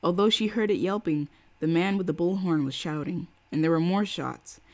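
A woman reading a novel aloud on a live stream, voicing the quoted lines with feeling and stopping now and then to greet her chat. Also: fairly low pitch. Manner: reads with acted quotes, pausing for chat.

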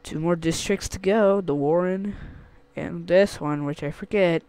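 A man hosting a gaming channel, chatting and reacting excitedly as he plays. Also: high voice, measured pace, noisy background. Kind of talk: casual gameplay commentary. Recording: commentary over loud game music. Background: game music.

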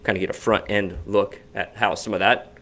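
A man with a fairly low voice chats casually as a podcast co-host. He rambles and restarts his sentences often, talking through stories in a relaxed, conversational way. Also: a little fast. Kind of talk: casual chat. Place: basement home studio.

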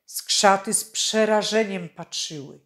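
Give me a woman narrating a children's storybook very slowly, with emphatic rises on key words. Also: mid-range voice, a bit bright. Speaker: actress reading a fairy tale.

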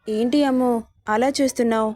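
A scheming, lustful villain of a brother-in-law, read in a woman's own fairly high voice. He talks in a coaxing, leering way, close and dry with no room around him. This is a story narration, not a full character voice. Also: fairly even intonation, brisk, mellow, no room sound, natural voice.

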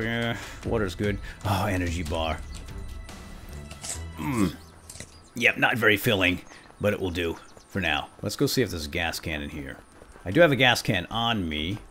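Faint music plays behind a gaming video host whose voice sits low as he hosts gameplay with excitable role-play commentary. Playful and exclamatory, he fires off rapid repeated words.

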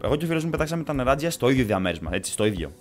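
Male vlogger, story time, animated, casual, swearing, faint music behind. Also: mid-range voice.

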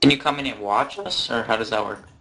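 A man's voice: mid-range voice, fast, creaky, bright, forceful tone, slightly rough. A man on gaming voice chat, asking his teammates curious questions. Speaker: gamer.

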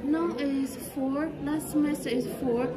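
A woman in her twenties, a fellow student, chatting casually in simple, halting phrases. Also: sits high, steady tone. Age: 20s. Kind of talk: casual chat. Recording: loud crowd in a large hall. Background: crowd chatter indoors.

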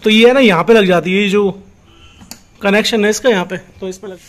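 High-voiced chatty young vlogger man. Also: brisk. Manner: chatty, exclaiming, addresses viewers as friends. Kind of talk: casual vlog chat.

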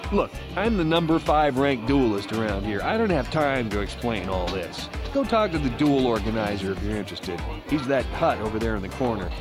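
An actor as blustering man with swooping pitch. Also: sing-song, fairly quick, few pauses, music in the background, lightly acted. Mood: impatient. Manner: boastful, defensive. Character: blustering, insecure male cantina duelist, all talk. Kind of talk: video game character acting.

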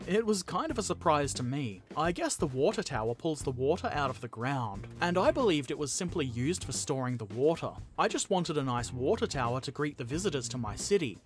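A man hosting his video channel, reading out viewer comments and answering them with dry, sarcastic jokes. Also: on the high side. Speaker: YouTube host.

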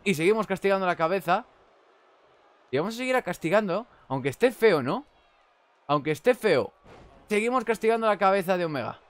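A young man with a Spanish accent commentating on a wrestling video game. He chats casually and shouts at big moves. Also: high voice, lively intonation, brisk, pauses often, clean tone. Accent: Spain Spanish. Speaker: gameplay commentator.

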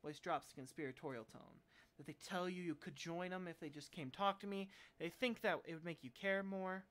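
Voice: medium pitch, fairly quick, fairly bright tone, natural voice. A streamer reading as a bitter, despairing recluse. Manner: bitter, weary ranting. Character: bitter despairing man locked in his tower.

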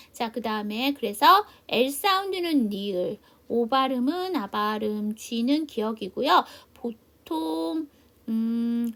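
A middle-aged woman teaches a beginner English class. Her voice sits a little high, and she explains patiently, slowing down to spell out each letter. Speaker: English teacher at a seniors' welfare center. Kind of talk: classroom lesson.

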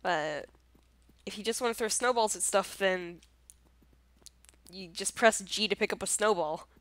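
A woman's voice: medium pitch, unhurried, pauses often, a bit bright, no echo. A woman with a congested, nasal voice chatting casually through her gameplay, easily surprised and self-deprecating. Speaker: gameplay commentator.

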